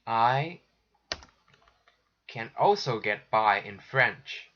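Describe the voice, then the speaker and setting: In this recorded textbook walkthrough, an English teacher goes through the exercises at a slow, patient pace, frequently starting over. His voice is mid-range and a bit bright, with lively intonation, and the audio sounds dull and lo-fi.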